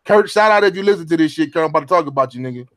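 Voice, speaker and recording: A man's voice: a little high, animated, racing, fairly bright tone. A middle-aged man hosting a casual round table chat, talking in laid-back, profane street slang. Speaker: podcast host.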